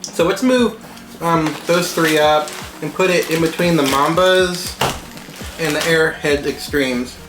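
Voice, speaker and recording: A woman's voice: low-pitched, measured pace. A woman hosting a casual group candy tasting, chatting while she eats sour candy. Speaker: host of a candy taste test. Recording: roomy echo, music behind.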